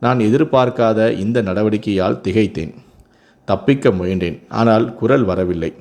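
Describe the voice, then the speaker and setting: Low-voiced male storyteller. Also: moderate pace. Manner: steady reading with occasional self-corrections. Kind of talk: scripted first-person story narration.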